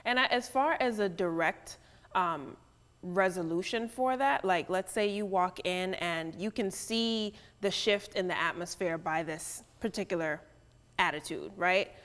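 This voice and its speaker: A woman's voice: fairly low pitch, measured pace, fairly bright tone, long reverb tail. A woman who works in bridal beauty, speaking as a guest in casual chat and often asking "right?". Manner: conversational, often adds "right?".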